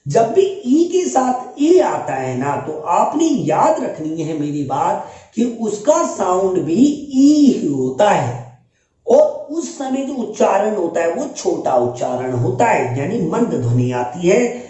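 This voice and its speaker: A man with a Hindi accent teaching English sounds in an animated style, calling out example words loudly. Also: sits high, takes it slowly, very echoey, recorded from a distance. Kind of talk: spoken lesson.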